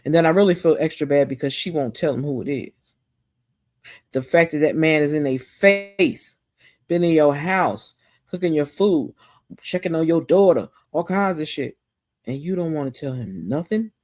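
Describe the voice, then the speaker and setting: A woman giving a casual, animated, slangy recap of a TV episode as a show reviewer. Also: low voice, moderate pace, no room sound, studio quality.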